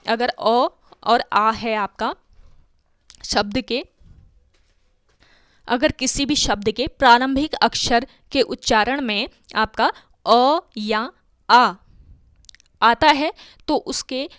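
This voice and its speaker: A woman's voice: fairly high pitch, a bit bright, dry recording, clean studio sound. A woman teaching an exam-prep grammar lesson, explaining step by step and answering her own questions.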